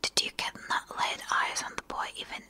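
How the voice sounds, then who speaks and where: A woman whispering quickly as she reads a story aloud for ASMR, a native Turkish speaker who sometimes stumbles over and repeats words. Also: sharp tone. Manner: fast whispering. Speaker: ASMR reader.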